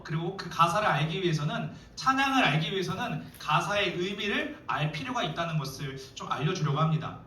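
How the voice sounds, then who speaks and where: A man's voice: high voice, sharp tone, slight background noise. A young man, a youth pastor, preaching a playful, joking sermon to teenagers in a church hall. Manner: playful, joking, addresses teens directly. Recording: echoey hall, mic far off.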